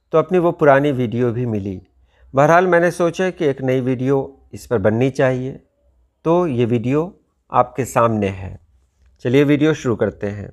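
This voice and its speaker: A man with an Indian Urdu accent teaching a video language lesson, explaining in a measured way with frequent pauses to think. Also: medium pitch.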